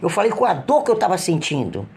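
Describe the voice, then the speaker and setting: Earnest Brazilian man, halting testimony. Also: sits high, very animated, vocal fry, a little mellow, husky. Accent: Brazilian Portuguese. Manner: halting, with repeated restarts and trailing phrases; earnest, pleading when retelling cries for help. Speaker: man giving a religious testimony. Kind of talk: emotional personal testimony.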